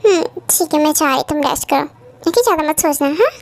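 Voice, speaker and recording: A woman voicing a chatty young female friend who teases and gossips quickly, in an amateur fan dub. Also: high-pitched, animated, very noisy. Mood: teasing.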